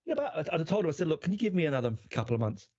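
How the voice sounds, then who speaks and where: An Australian man telling a story in animated, casual chat. His voice sits a bit higher than usual and he acts out every quote, dropping in the odd swear word. The recording has a dull, lo-fi sound. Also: rapid-fire. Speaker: podcast guest or host.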